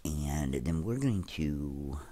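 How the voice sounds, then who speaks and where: Speaking slowly with lively intonation, a young man with a deep, dark bass voice hosts a let's play and chats casually with his viewers, addressing them directly. His voice comes across stuffy and congested during the gameplay commentary.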